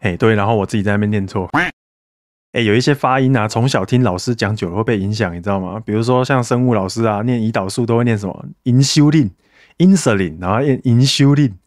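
This Taiwanese podcast host talks fast in a fairly low voice, with a clean studio sound and no echo. Alone on his casual show, he chats with listeners, pokes fun at himself, and thanks his donors.

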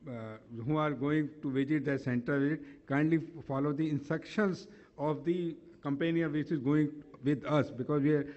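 A man with a North Indian accent hosts a conference session in a slightly high-pitched voice. He speaks politely and formally, with hesitations and repeated phrases. The sound is dull, like a hall public-address recording. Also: steady tone, moderate pace, a little mellow. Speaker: convention session host. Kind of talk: formal announcements at a conference, partly off the cuff. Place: large indoor hotel conference hall.

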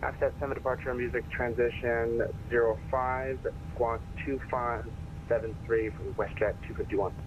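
A man's voice: mid-range voice, little pitch movement, moderate pace. A man calling the tower as a pilot, reading back instructions in clipped radio phrasing over a faint, fading radio transmission. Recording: noisy lo-fi radio heard from far off.

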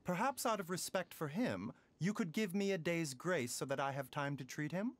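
A man voicing a calm, courteous male doctor in a video game, measured and formal, with music behind. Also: fairly high pitch, a little hiss or hum, close to an everyday voice.

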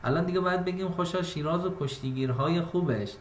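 A male teacher giving an online exam-prep class on poetic meter. He explains step by step, talks straight to his students in a casual way, and chants verses slowly. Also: on the high side, slight background noise. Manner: addresses students directly and casually. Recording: echoey room.

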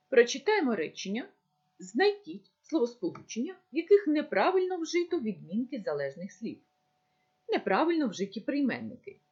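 A woman teacher giving a recorded lesson, speaking slowly and deliberately as if dictating. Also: on the high side, breathy edge, highs cut off. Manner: slow, deliberate dictation-like delivery.

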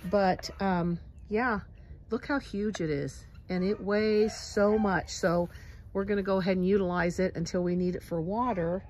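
A middle-aged woman with a Midwestern American accent talks in a chatty, excitable way as she walks around her farm. She records it on a handheld phone outdoors. A faint outdoor hum sits behind her voice. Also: medium pitch. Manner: chatty, excitable, many fillers. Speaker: homesteader vlogger. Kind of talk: casual walkthrough tour. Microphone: handheld phone camera.

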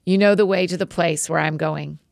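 A woman reads the lines of a calm, gentle male teacher who speaks with quiet authority, in a measured, solemn way. The voice is low with a slight gravelly fry, recorded dry and close with no room sound, and the mood is solemn.

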